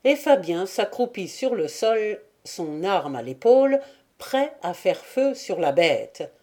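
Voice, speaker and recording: A woman narrating an adventure novel as an audiobook, reading in a steady, deliberate way. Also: mid-range voice. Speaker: audiobook reader. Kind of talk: scripted narration.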